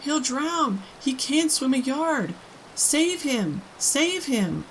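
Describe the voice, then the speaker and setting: A frantic mother from a children's storybook, acted out by a woman reader. Her voice leaps high as she shouts, scolds and pleads in alarm. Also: lively intonation, slow, a little hiss or hum, full character voice, low-quality recording. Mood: screaming panic. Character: frantic, shrill mother of a greedy boy. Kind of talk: storybook character voice.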